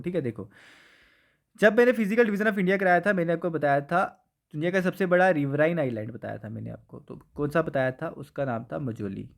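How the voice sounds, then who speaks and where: A man teaching an exam revision lesson in Kashmiri-accented Hindi. He keeps asking the class questions, answers them himself, and checks in with "theek hai" again and again. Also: on the high side. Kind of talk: exam revision lecture over a map.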